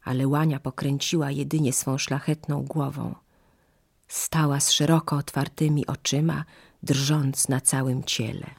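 A narrator telling a fable in calm, measured storytelling. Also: mid-range voice, vocal fry, husky.

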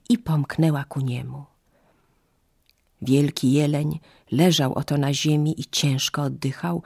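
A calm narrator telling a fable at an unhurried, measured pace. The voice is gravelly and husky, with a settled storytelling cadence. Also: medium pitch.

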